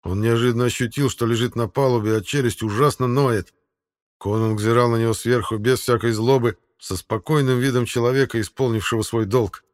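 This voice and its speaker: A man reading an audiobook in a steady, measured way. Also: mid-range voice. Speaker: audiobook narrator. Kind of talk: scripted audiobook narration.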